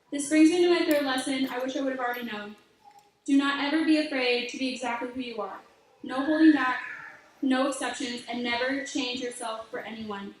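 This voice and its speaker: A high-voiced teenage girl delivers a heartfelt graduation speech, earnest as she offers advice. Her voice echoes heavily around a large hall. She sounds distant from the mic, with a faint hiss underneath. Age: late teens. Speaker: graduating student speaker.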